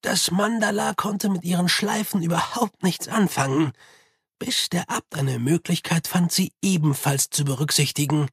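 A man voicing a calm, pedantic older male monk who talks in a measured, lecturing way. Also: sits high, breathy edge, no echo, clean studio sound, pitched above the performer's own voice, heavily acted.

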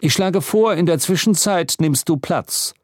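A man's voice: a little high, lively intonation, dry recording, clean studio sound, voice pushed up. A man doing a bossy head wizard. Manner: brisk, commanding.

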